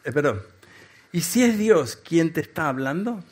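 A man from Argentina, preaching a sermon in short phrases and pausing for an interpreter. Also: on the high side, animated, darkish tone, husky. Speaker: guest preacher.

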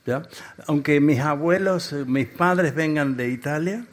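A man from Argentina, preaching a sermon in short phrases and pausing for an interpreter. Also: a little high. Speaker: guest preacher.

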